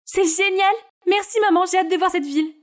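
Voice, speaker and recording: An eager younger sister who wants fame, bubbly and pushy, voiced by a woman. Her voice is high, with a cartoonish animated-story lilt. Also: fairly quick. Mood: excited.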